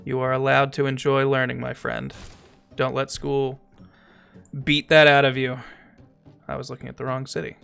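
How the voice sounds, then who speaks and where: A man streaming a strategy game, chatting casually, thinking aloud, talking to his chat, and sometimes reading game text aloud slowly. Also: mid-range voice, level tone, vocal fry, fairly bright tone, smooth, faint music behind. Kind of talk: casual gameplay commentary.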